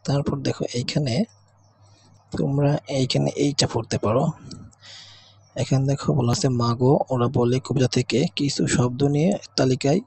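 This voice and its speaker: A man's voice: mid-range voice, steady tone, normal speed, vocal fry, dark tone, slightly rough, no room sound. A man teaching an exam revision lesson. He reads out words twice and keeps asking "okay?" with a rise. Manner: repeats each word twice as he reads.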